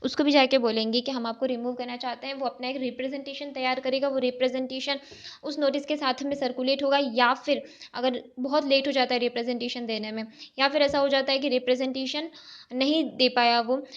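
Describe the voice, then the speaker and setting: A woman's voice: sits high, fairly even intonation, brisk. A woman chartered accountancy tutor, explaining step by step in a recorded exam-prep lecture. She poses questions and then answers them, and often checks in with "okay". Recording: dull, lo-fi recording.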